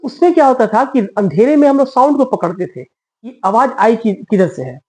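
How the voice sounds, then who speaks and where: A woman's voice: fairly high pitch, big pitch swings, moderate pace, darkish tone, rough recording. A woman telling a personal story in casual conversational style, chatty with fillers and asides to her listeners.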